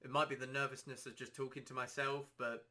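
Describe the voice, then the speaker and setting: Bright-voiced man rambling about gaming. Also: mid-range voice, flat delivery, quick pace. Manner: rambling, self-deprecating, easygoing. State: dry throat, slightly hoarse. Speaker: podcast host. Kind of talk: casual solo podcast chat.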